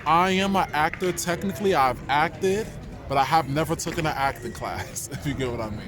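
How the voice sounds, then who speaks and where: Outdoors in a city park, a New York-born dancer and actor gives reflective, conversational answers in a casual street interview, speaking with a New York accent. His voice is fairly high and fairly quick, with music in the background plus outdoor city noise and passing traffic.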